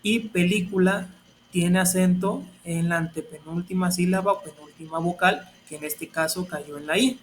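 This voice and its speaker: Male teacher, high voice, patient lesson delivery. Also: steady tone, normal speed, slight background noise. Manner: patient, step-by-step explaining. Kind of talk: explaining a grammar lesson.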